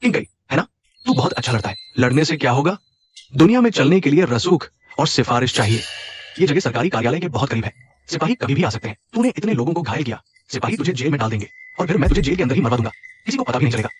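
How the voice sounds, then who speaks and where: A man's voice: medium pitch, sing-song, quick pace, slight background noise, close to an everyday voice. A man voicing a blustering bully who threatens and then begs in a dubbed drama. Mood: threatening. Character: cowardly male bully, blustering then groveling. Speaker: dub voice actor. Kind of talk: Hindi drama dubbing.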